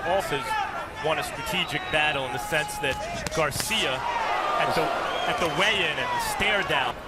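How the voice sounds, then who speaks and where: A male boxing commentator with a slightly high voice speaks in measured, rhetorical phrases as he analyses the fight live. Behind him is a very loud, noisy arena crowd. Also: animated.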